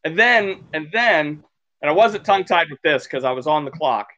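Speaking at a moderate pace in a voice on the high side, this podcast co-host wanders through anecdotes about meeting people, getting lively whenever he performs what they said. The recording is dull, and the talk is casual chat.

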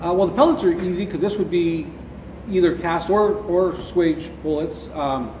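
In a large, shelved warehouse indoors, a middle-aged man who founded an ammunition company is interviewed and talks at length about his business, using hand gestures. His slightly high voice moves at normal speed. Picked up from a distance, the sound is dull and echoey, with clear background noise.

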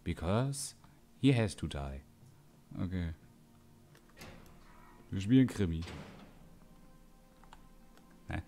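A man's voice: low-pitched, very animated, drawn-out words, pauses often, warm tone, soft background music. A man giving casual gameplay commentary, chatty and joking as he reacts aloud. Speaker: let's play streamer.

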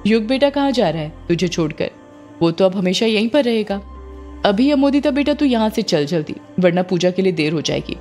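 A woman's voice: medium pitch, expressive, a little fast, a little mellow, faint music behind, close to an everyday voice. A woman voicing a scheming middle-aged mother who talks in a sweetly evasive, coaxing way, as in a storybook reading. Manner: coaxing, falsely affectionate.

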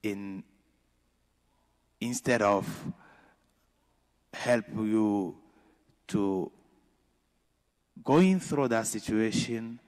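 Slow, low-voiced priest in a reverberant church. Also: male voice, a little mellow. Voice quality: slow, deliberate delivery with pauses. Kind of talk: gospel reading and homily. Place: large church.

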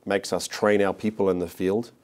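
This New Zealand marketing executive, a man in his forties, has a very deep, darkish voice with little pitch movement. Sitting on a studio set wearing a clip-on mic, he responds to corporate interview questions haltingly, often restarting and filling pauses.

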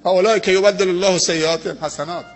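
Male preacher with an Afghan Dari accent, high-pitched, sermon storytelling, shifts from loud to hushed, music playing clearly behind. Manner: animated, dramatic swings between loud exclamations and hushed low phrases.

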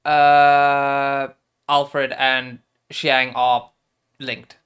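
A man drawls slowly through his turn at a tabletop game, halting and joking as he goes. His pitch sits in a middling range. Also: flat delivery, fairly bright tone. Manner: unhurried, halting with fillers, joking. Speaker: player. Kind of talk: casual tabletop play.

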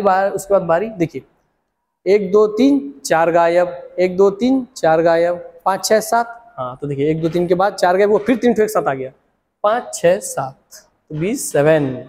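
A young man with a Chhattisgarhi accent giving an animated exam coaching lesson, repeating words and using memory tricks. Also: sits high, long reverb tail. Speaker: teacher.

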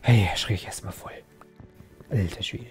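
A man's voice: lowish voice, moderate pace, soft background music. A young man commenting casually while he plays a video game, rambling and mocking himself, with many fillers and restarts. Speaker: Let's Play host.

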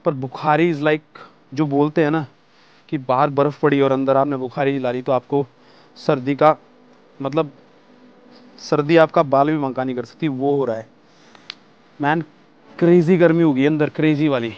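A man chatting excitedly to camera from inside a small tent with a wood stove, slipping English words into his talk. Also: on the high side, moderate pace, long pauses, clean tone, lo-fi sound. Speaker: camping vlogger. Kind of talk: casual chat to camera.

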